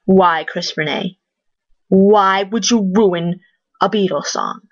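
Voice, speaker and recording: A woman's voice: mid-range voice, slow, no room sound, highs cut off. A woman giving a casual, opinionated spoken review, blunt and chatty, with lots of fillers and restarts. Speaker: vlogger reviewing a TV talent show.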